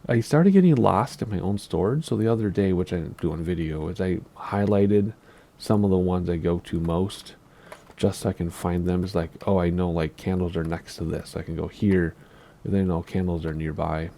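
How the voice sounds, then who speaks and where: A deep-voiced man with a Minnesota accent chats through casual gameplay commentary, wandering from thought to thought and asking himself questions out loud. His tone is gravelly and mellow. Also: normal speed. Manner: rambling, asks himself questions aloud. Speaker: Minecraft YouTuber giving a base tour.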